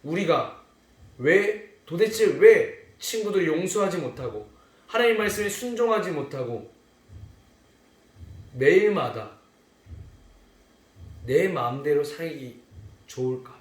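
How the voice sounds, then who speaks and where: A man preaching a children's sermon in an animated storytelling way, speaking to the children as friends. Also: a little high, takes it slowly, pauses often. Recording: echoey room.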